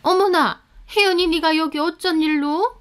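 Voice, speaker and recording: A woman doing a shrill, scolding mother-in-law. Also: expressive, unhurried. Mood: surprised.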